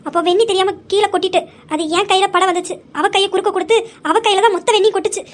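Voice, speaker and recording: Woman doing a soft-spoken caring mom, high voice, calm and reassuring. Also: racing. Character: kind caring middle-aged mother-in-law.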